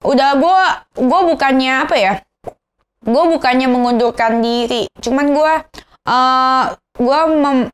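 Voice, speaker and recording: A woman with a Jakarta Indonesian accent and a lisp on her r's, rambling and tripping over words in a casual gossip rant to viewers. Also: sits high. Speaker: vlogger.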